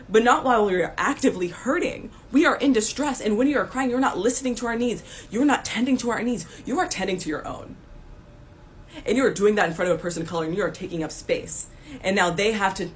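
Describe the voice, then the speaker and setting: A woman's voice: medium pitch, a little hiss or hum. Blunt scolding woman ranting to camera. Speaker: commentator. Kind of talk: direct-to-camera rant.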